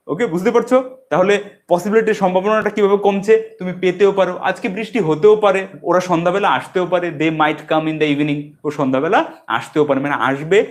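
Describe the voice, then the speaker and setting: Guy teaching spoken english, kinda high voice, slows way down on the english examples. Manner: explains in Bengali, says English examples slowly and deliberately. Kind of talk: bilingual language lesson.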